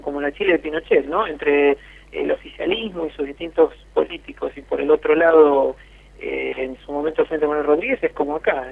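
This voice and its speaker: A fairly high-pitched man, creaky with a breathy edge, reports by phone for a radio interview. He has an Argentine Spanish accent and sounds hesitant, with many fillers and restarts, over a tinny line.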